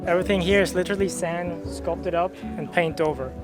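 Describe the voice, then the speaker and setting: A man's voice: sits high, fairly even intonation, fairly quick, over music. Chatty young man vlogging. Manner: chatty, explanatory tour-guide delivery. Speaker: travel vlogger. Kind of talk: casual travel vlog narration.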